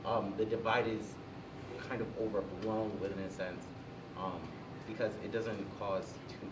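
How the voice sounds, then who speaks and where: A young adult man speaking as a student panelist in a casual discussion. He is thoughtful and hesitant, with many pauses and ums. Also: fairly low pitch, level tone. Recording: echoey room, distant mic, noise.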